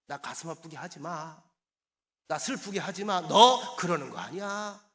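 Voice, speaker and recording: A pastor voicing a heartbroken pleading God. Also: male voice, fairly high pitch, lively intonation, unhurried. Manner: pleading, voice rising into near-shouts. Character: heartbroken loving God pleading with a stray child.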